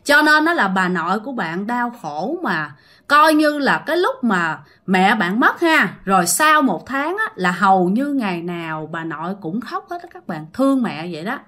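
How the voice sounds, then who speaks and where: A woman tells a ghost story in a Southern Vietnamese accent, chatting away and often addressing her audience directly. She speaks at normal speed in a sharp, medium-pitched voice with big swings in pitch.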